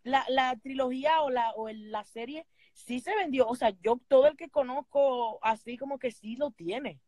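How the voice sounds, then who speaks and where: A woman's voice: sits high, normal speed, darkish tone, dry recording. A woman from the Dominican Republic with a Dominican Spanish accent, chatting casually and gushing, dropping English phrases into her talk. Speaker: book channel host. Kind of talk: casual chat.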